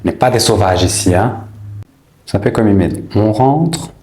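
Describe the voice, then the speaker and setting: A man's voice: on the low side, animated, moderate pace, darkish tone. A man chatting through a makeup tutorial, teasing his viewers with playful asides.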